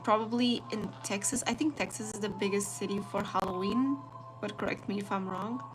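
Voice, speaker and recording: Journaling live, a young planner artist and vlogger from Portugal talks with viewers in a Portuguese accent while sketching a planner spread. She speaks a little fast in a mid-range voice, relaxed and chatty, with music in the background.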